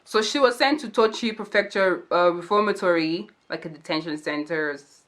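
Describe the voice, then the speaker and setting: A woman's voice: lowish voice, fairly quick, a bit bright. Chatty young woman with slangy asides. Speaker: true crime and makeup YouTuber. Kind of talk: casual storytelling commentary.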